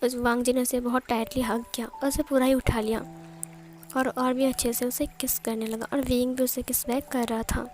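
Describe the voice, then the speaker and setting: High, even-voiced woman telling a story. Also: normal speed. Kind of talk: casual fan-fiction narration. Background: faint music.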